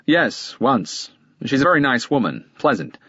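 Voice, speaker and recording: A man's voice: medium pitch, sing-song, a little slow, fairly bright tone, slightly rough, no echo, dull audio, pitched above the performer's own voice, full character voice. A man voicing a guarded middle-aged male lawyer who answers in a clipped, impatient way. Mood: defensive.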